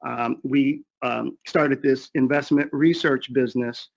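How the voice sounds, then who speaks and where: This webinar panelist's voice is gravelly and medium-pitched, steady and measured as he presents himself and his investment firm. The group video call audio comes through dull and lo-fi.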